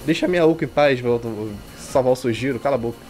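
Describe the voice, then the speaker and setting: A Brazilian man streams himself reading a visual novel aloud, adding irreverent, slangy commentary over game music. His voice is medium-pitched and a little mellow, and he talks fast.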